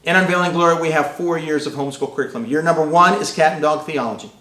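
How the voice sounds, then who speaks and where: A man's voice: on the high side, quick pace. Echoey dramatic male keynote preacher. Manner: dramatic swings between loud and hushed. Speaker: keynote speaker. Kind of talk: sermon-style keynote.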